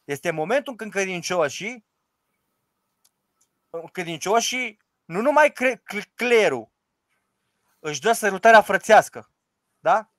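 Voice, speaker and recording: A man's voice: sits high, lively intonation, pauses often, a bit bright, no room sound. A man who is an Orthodox priest, explaining the liturgy in an emphatic, rhetorical way and quoting its prayers aloud. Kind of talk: informal teaching discussion.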